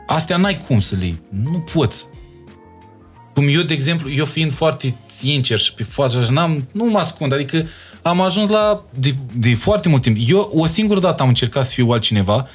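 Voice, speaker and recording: Speaking as a guest in a relaxed interview, a young man with a high-leaning voice and a Moldavian Romanian accent drives his points home by repeating words.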